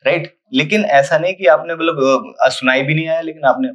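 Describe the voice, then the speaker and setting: A man's voice: fairly high pitch, steady tone, moderate pace, fairly bright tone, lo-fi sound. A man on a mock interview panel, giving mild feedback to a candidate with hesitant fillers.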